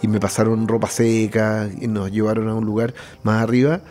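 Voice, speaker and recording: A man with a Chilean accent gives personal testimony as an interviewee, his voice fairly low, level, and a little mellow, with faint music behind him. He speaks haltingly, often breaking off mid-phrase and starting over.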